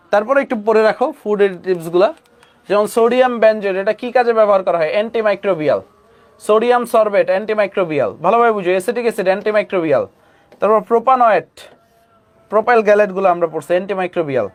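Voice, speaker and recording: Man, young adult, Bangladeshi Bengali accent, high-pitched, repetitive coaching-class delivery, close mic. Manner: repeats key terms, frequent check-ins with students. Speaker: chemistry tutor. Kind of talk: online admission coaching class.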